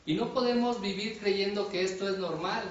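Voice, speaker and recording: A man's voice: high voice, normal speed, slight background noise. A man preaching a sermon, asking his listeners rhetorical questions and often repeating or restarting words as he goes. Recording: distant echoey room, dull sound, faint ambience.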